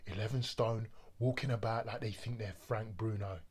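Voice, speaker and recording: Man acting a husky, brooding bouncer. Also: lowish voice, fairly even intonation. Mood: brooding, uneasy. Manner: deliberate bouncer's storytelling, breaking into shouts. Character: brooding male pub bouncer with simmering, violent anger. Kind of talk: dramatic stage monologue.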